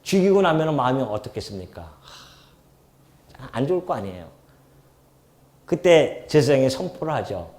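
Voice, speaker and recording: Animated Korean pastor with a lively pitch. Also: male voice, normal speed, long pauses. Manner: animated, swings between loud emphasis and soft asides; asks the congregation questions and acts out quoted speech. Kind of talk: expository sermon. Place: church.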